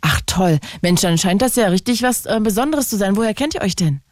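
A woman's voice: medium pitch, animated, fairly quick, no echo. Woman hosting a radio call-in, super encouraging and chatty, dry close mic. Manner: warm, encouraging, enthusiastic reactions.

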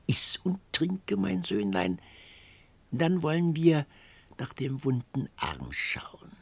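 A man voicing a cackling ancient beggar woman with a hoarse, lisping, whispery voice in an audiobook. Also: medium pitch, sing-song, dry recording, exaggerated voice. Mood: coaxing. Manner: drawn-out coaxing, cackles. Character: cackling ancient female beggar, wheedling, uncanny. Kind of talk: audiobook character voice.

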